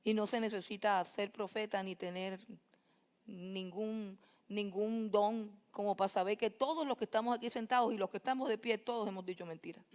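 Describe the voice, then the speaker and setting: A woman's voice: mid-range voice, normal speed. A woman preacher, speaking directly to her congregation in a church. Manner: animated, addresses congregation directly. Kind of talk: sermon. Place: church sanctuary.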